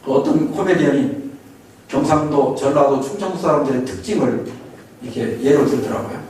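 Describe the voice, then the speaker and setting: A man's voice: mid-range voice, normal speed, a little mellow. A man from Korea's Chungcheong region preaching a sermon, telling folksy stories and often chuckling. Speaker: pastor. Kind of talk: sermon lecture. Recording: echoey hall, far from mic, faint hiss.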